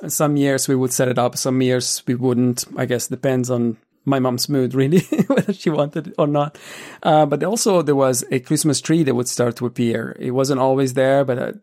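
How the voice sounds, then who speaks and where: Wry man with a mid-pitched voice. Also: steady tone, moderate pace, a little mellow. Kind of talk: casual anecdotal chat.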